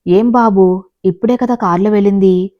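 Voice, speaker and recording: A woman's voice: medium pitch, fairly even intonation, normal speed, muffled recording, natural voice. A woman voicing a kindly older aunt, a neighbor in a told story. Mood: puzzled.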